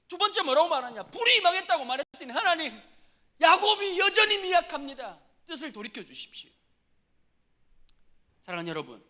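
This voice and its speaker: Animated high-voiced Korean pastor preaching. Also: male voice. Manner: animated, humorous storytelling with shouted impressions. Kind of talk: sermon.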